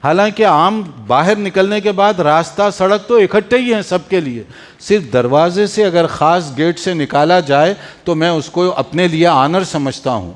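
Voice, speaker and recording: A man giving an earnest mosque sermon, urging his listeners and chanting Arabic quotations. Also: sits high. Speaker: preacher. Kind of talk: mosque lecture after night prayer. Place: mosque hall. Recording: long hall reverb.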